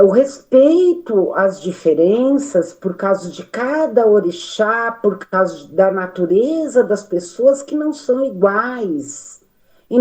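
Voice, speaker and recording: A Brazilian woman speaking at a study meeting, animated and full of restarts and fillers. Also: mid-range voice, rough recording. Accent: Brazilian Portuguese. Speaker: study group participant. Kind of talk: spoken reflection in a study meeting.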